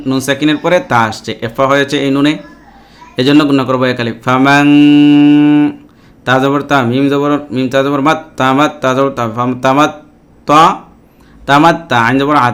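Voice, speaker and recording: A man with a Bangladeshi Bengali accent teaches Quran reading, spelling each word slowly and deliberately, letter by letter, and adding short explanations of the recitation rules. His voice is mid-range with a fairly bright tone.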